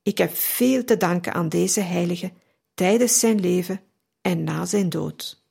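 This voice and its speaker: A woman reading a saint's biography aloud on a radio programme, calm, measured and reverent. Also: on the low side, creaky, husky. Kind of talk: slow devotional reading aloud.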